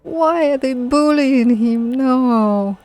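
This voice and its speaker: A woman's voice: sits high, slow pace, a little mellow. A woman streamer playing a story game live, reading it aloud and musing with chatty asides.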